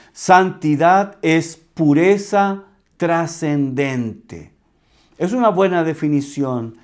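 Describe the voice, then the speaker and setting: Male pastor from Chile, sermon, emphatic repetition, voice a bit high. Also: a little mellow. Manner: slow, emphatic teaching with repeated key words.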